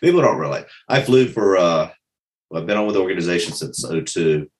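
A man in his fifties, a guest instructor, telling stories in a lively, casual way and restarting words as he goes. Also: sits low, brisk. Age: 50s. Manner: animated storytelling, repeats words as he starts. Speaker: guest, self-defense instructor. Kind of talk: casual conversation.

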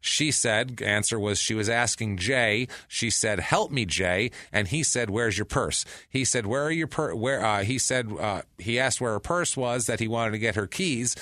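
A man's voice: lowish voice, moderate pace, few pauses, sharp tone, no room sound, clean studio sound. A man co-hosting a podcast, casually telling a true-crime story with joking asides and the odd curse while reading out testimony. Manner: profane, joking, reads out testimony.

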